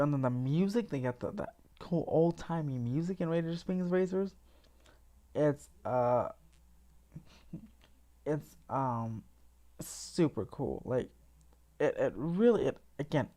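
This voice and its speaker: A woman with a notably deep voice hosts a relaxed theme park livestream. She talks in an eager, rambling way, restarting her sentences and laughing softly. She sounds a little sleepy. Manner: chatty and enthusiastic, frequent restarts and small laughs. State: sleepy, yawning. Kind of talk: casual livestream chat.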